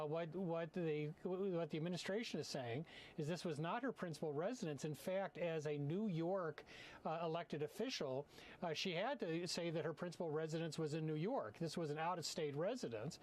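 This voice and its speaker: An American man giving halting, measured legal commentary with dry wit as a guest in a TV news interview. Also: fairly high pitch. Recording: clear background room noise.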